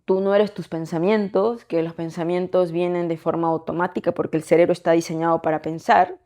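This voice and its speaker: A young woman co-hosting a casual podcast, musing out loud in a thoughtful, unhurried way. She pauses with hesitations and checks in with short tag questions. Her voice sits somewhat low for a woman. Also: level tone. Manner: reflective, thinking aloud with hesitations and tag questions. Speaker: podcast co-host. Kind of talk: casual chat.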